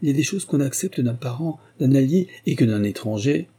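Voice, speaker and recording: A man's voice: mid-range voice, animated, brisk, warm tone, breathy edge, voice pushed up. A man reading an audiobook voices a frail, slightly impatient middle-aged princess.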